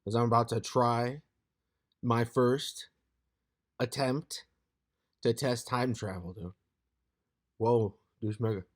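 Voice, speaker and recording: A hoarse man in his late twenties rambling loosely in a casual vlog, saying "dude" constantly. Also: medium pitch, fairly even intonation, slow pace, long pauses. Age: 20s. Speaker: vlogger.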